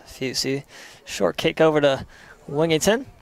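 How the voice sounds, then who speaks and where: A young man calling a live college soccer match play by play, steady between plays and rising sharply on chances. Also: fairly high pitch, unhurried, vocal fry. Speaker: play-by-play commentator.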